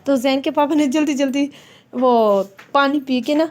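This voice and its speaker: Warm-voiced young mother chatting. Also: sits high. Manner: chatty, rambling, coos sing-song to her baby. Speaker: family vlogger, mother of a small child. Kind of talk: casual home vlog chat.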